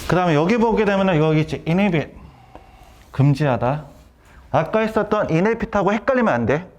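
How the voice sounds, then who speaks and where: A middle-aged man lecturing on vocabulary and grammar, repeating key terms and quizzing students with quick questions. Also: sits high, expressive, a little mellow, dull audio, slight background noise. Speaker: academy director teaching vocabulary.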